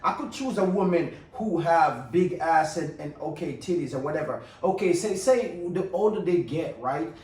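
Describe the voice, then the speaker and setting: A man with a high voice argues his side like a barbershop debater, repeating phrases as he defends himself in casual slang. The recording is very echoey and distant. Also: animated, normal speed, hardly any pauses, a little mellow. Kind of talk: casual group banter with slang. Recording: very echoey room, distant mic.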